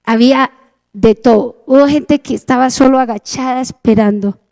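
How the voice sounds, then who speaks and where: A woman's voice: high voice, normal speed, darkish tone. A Colombian woman preaching a sermon, telling a testimony earnestly and acting out the dialogue. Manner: earnest storytelling, acts out dialogue.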